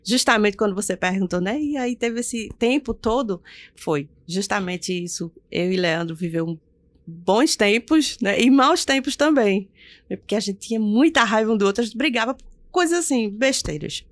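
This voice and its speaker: A middle-aged woman pastor shares her testimony in a relaxed interview at an ordinary, middling pitch. She tells it with lots of animation and acts out the voices of the people in her story. The recording is dry and close, with almost no room sound. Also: moderate pace, no echo. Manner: animated storyteller who acts out quoted voices and laughs often. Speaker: pastor, podcast guest. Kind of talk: personal testimony in a casual interview.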